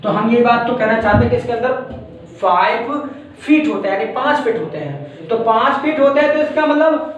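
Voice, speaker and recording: Indian male teacher, high voice, distant mic in a very echoey classroom. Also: animated, moderate pace. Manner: explains step by step, repeats points, checks with "thik hai". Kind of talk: classroom lecture. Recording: very echoey room from far off.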